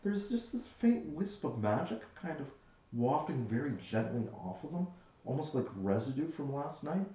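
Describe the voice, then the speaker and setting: Animated game master narrating. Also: medium pitch, normal speed. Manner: animated, chatty. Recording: roomy echo.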